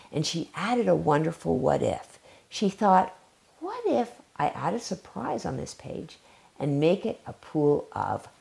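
Speaking to children from her home library armchair, bookshelves behind her, a middle-aged woman who writes children's books combines a read-aloud with a craft demonstration. She uses a warm, storytime delivery, her low gravelly voice swooping with lively expression and lingering on key words. A camera records her from a little way off.

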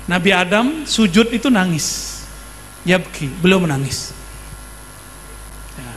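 A man's voice: high voice, sing-song, slow pace, fairly bright tone, big-room sound, slight background noise. A man preaching a sermon in a conversational way, often putting questions to his audience.

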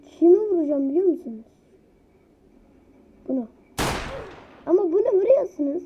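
A woman giving excitable, teasing let's-play commentary as a gaming YouTuber, laughing often. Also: very high voice, moderate pace, a little hiss or hum. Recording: dull lo-fi home recording.

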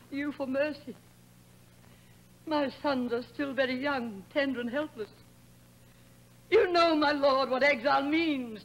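A woman's voice: sits high, fairly bright tone, low-quality recording. An actress playing a proud, bitter, wronged sorceress queen in grand declamatory 1950s stage tragedy style.

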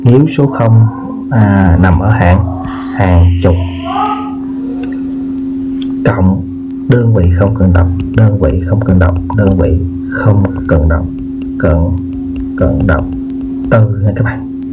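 A man teaching a children's math lesson, explaining slowly, repeating himself and often checking whether the viewers have followed. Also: low voice. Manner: slow, repeats words and asks "được chưa?". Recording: dull lo-fi sound with guitar music behind.

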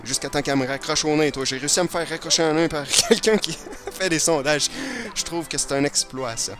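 A man with a Québécois accent commenting on a video game in a let's play, hyper and rambling nonstop, his throat a little irritated. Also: mid-range voice. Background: video game music.

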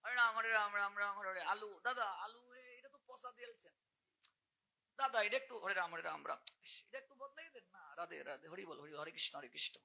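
A man's voice: very high voice, fairly quick, few pauses, sharp tone, heavily acted, poor audio. A man voicing a distracted devotee who mutters chants under his breath while haggling over vegetables. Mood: mumbling. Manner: muttering, half-hearted chanting.

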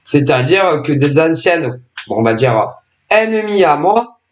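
A woman's voice: deep voice, very animated, unhurried, a little hiss or hum. A woman hosting a tarot channel, talking to her subscribers in a rambling, sarcastic monologue full of fillers and interrupted by coughs from her allergies. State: coughing, throat irritation from allergies. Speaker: tarot and oracle channel host. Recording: echoey room.

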